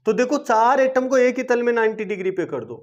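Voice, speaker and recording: Speaking a little fast and very animatedly, a man with a very high voice runs a chemistry video lesson. He keeps asking and answering his own questions, repeating points to coax students along, and the recording is dull and lo-fi.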